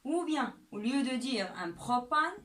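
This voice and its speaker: A woman's voice: sits high, expressive, fairly bright tone. A woman teaching a chemistry lesson step by step, often checking in with "d'accord?". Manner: slow and deliberate, often asks "d'accord?".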